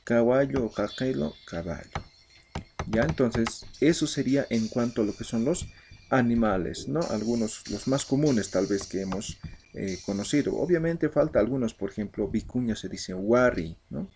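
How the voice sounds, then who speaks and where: A man teaching a vocabulary lesson, saying each word slowly and with stress, and often ending phrases with a questioning "¿no?". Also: mid-range voice, darkish tone, slight background noise. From Bolivia. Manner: slow, deliberate, stretches out and stresses the native words. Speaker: language teacher. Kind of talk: vocabulary lesson with pronunciation drill.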